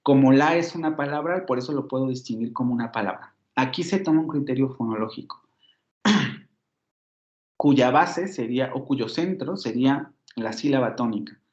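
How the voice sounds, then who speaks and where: A man's voice: mid-range voice, normal speed, darkish tone. A Mexican man teaching a university phonetics class, explaining patiently, repeating words and correcting himself as he goes. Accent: Mexican Spanish. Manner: patient, repeats and self-corrects, fillers like "ujú". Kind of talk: online lecture explaining on slides. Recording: slightly muffled lo-fi recording.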